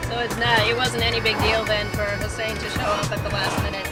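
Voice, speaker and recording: A woman's voice: medium pitch, little pitch movement, quick pace, loud music behind the voice. American woman hosting a casual travel vlog. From United States. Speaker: travel show host.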